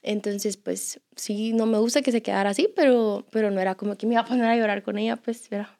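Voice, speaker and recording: A woman co-hosting a podcast, telling a personal story in a casual, animated way and acting out the voices in it. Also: mid-range voice, fast. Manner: animated, acts out voices in her stories. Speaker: podcast co-host.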